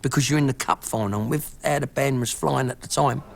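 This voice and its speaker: A man's voice: mid-range voice, a little fast, vocal fry. A middle-aged Cockney man recalling his youth in a documentary interview, brash and full of swearing. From East London. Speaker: band member interviewee.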